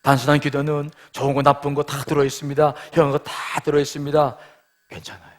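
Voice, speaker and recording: A man's voice: on the high side, completely flat delivery, fast talker. A middle-aged male pastor giving a sermon in a conversational style that swells into emphatic passages.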